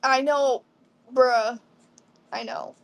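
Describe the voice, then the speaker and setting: Very slow and steady in tone, with a voice that sits high, a twenty-something woman from the Midwest answers viewer comments during a casual live selling stream.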